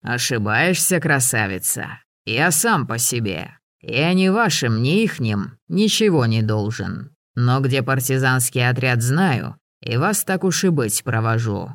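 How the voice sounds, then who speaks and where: A man voicing a gruff, sardonic old hunter who barks orders and teases. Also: mid-range voice, very animated, unhurried, hardly any pauses, a bit bright, dry recording, clean studio sound. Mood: gruff mocking.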